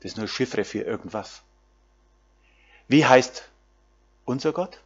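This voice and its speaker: German preacher with lively, swinging pitch. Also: male voice, slow pace, breathy edge, muffled recording. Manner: talks directly to the congregation with many fillers and tag questions. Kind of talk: sermon.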